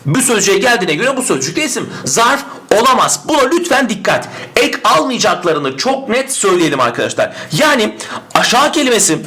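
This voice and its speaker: Guy teaching grammar, high bright voice, super animated, keeps answering his own made-up student questions. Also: fairly quick. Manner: lively, emphatic, voices students' questions himself. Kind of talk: online exam-prep lesson.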